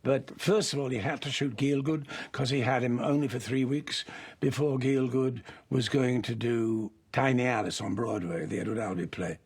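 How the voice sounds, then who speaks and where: Gravelly older man reminiscing. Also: medium pitch, fairly even intonation, normal speed, darkish tone. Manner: anecdotal, reflective storyteller. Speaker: interviewee, actor. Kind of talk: reminiscing interview.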